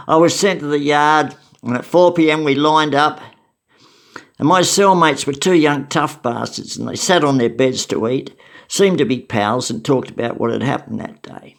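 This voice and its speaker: A man's voice: fairly high pitch, normal speed, vocal fry. An older Australian man telling memories from his past in a wry, matter-of-fact, casual way. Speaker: storyteller recounting memories. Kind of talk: casual spoken memoir.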